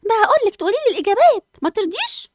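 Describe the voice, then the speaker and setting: A woman's voice: extremely high pitch, very animated, rapid-fire, dry recording, studio quality. A woman voicing a whiny, lazy schoolgirl twin with an Egyptian accent. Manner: whiny, complaining.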